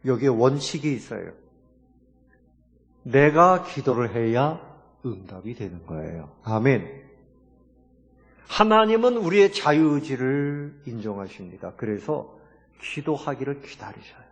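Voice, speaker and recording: A man's voice: medium pitch, sing-song, unhurried, pauses often, long reverb tail. A man preaching a sermon as pastor, emphatic and full of rhetorical questions to his congregation.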